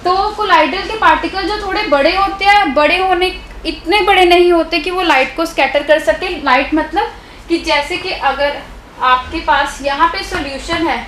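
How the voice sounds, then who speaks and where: This is a live online doubt-clearing session in which a Hindi-accented woman teaches science, explaining at a moderate pace and often checking comprehension with rhetorical questions to her students. Her voice is very high and fairly bright. The poor audio is reverberant, with slight background noise.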